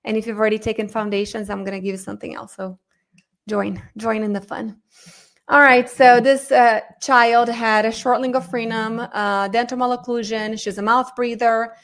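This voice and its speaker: The host of this informal live online lesson is a middle-aged Brazilian woman whose native language is Portuguese, working as course instructor and webinar host. Speaking at normal speed in a fairly high voice, she's animated and chatty, speaking directly to viewers.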